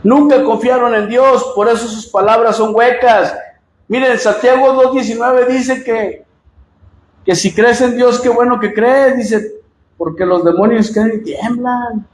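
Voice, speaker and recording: High-voiced Mexican pastor preaching. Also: male voice, fairly even intonation, unhurried, reverberant, rough recording. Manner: preaching with swings between loud emphatic shouts and low asides. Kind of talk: sermon.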